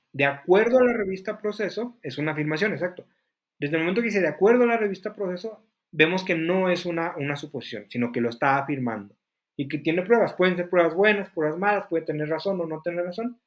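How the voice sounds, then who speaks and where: Male teacher explaining to a class. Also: a little high. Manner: explanatory, asks the class questions, frequent fillers. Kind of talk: classroom lesson.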